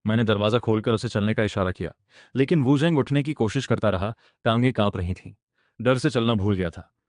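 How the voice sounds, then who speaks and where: A man's voice: mid-range voice, a little mellow, no room sound, clean studio sound. A man narrating a fantasy story recap in a dramatic storytelling manner, speaking every character's lines himself.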